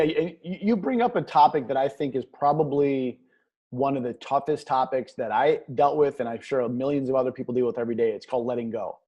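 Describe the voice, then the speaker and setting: A man appears as a guest business coach in a motivational interview, earnest and leaning on pet phrases. His voice is medium in pitch, warm and husky.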